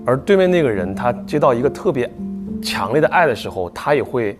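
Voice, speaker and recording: A man's voice: medium pitch, sing-song, brisk, music in the background. A man on a watch-along panel, reflecting earnestly about love. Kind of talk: casual chat.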